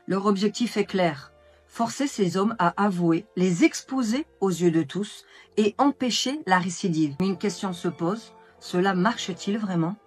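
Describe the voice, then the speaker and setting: A woman's voice: medium pitch, measured pace, soft background music. A woman reading scripted news narration.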